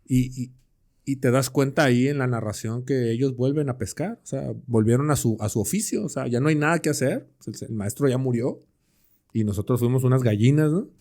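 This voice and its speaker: Mellow-voiced man. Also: medium pitch, brisk. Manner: explains with everyday examples and rhetorical questions; slangy, conversational. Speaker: podcast co-host. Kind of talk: casual Bible study chat.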